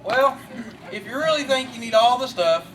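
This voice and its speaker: A man's voice: very high voice, expressive, normal speed, a bit bright. A man playing a cheerful, teasing Australian outback guide who calls the crowd "mates" in a live church skit. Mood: jolly. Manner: jokey, upbeat, addresses the crowd as mates. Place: large hall with an audience. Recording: roomy distant live recording with audience and noise.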